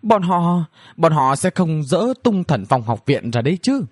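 A man's voice: a little high, sing-song, moderate pace, no room sound, clean studio sound. A man voicing a bratty, mischievous young girl princess who taunts and whines in a cheeky way. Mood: frightened. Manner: cheeky, whiny, provocative.

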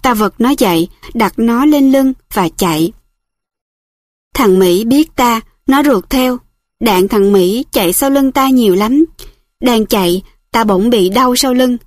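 A woman with a fairly high voice narrates a story in a steady, earnest audiobook reading. The sound is close and dry, with almost no room around it. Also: a little slow, no echo.

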